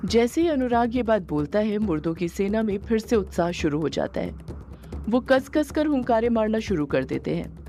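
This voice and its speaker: A woman narrating a horror story in a steady, dramatic way. Her voice sits at a middle pitch, and faint music runs behind her. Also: normal speed.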